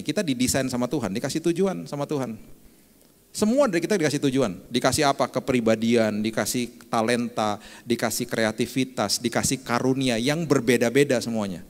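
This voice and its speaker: Casual preaching man. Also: medium pitch. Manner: casual, jokey, slangy preaching. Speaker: pastor. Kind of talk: sermon. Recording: long church hall reverb.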